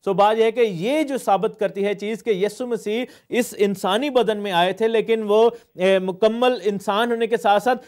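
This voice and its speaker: A man's voice: high voice, normal speed, few pauses, a little mellow. A man, a pastor teaching a sermon, explaining word meanings with frequent hesitations and English phrases mixed in.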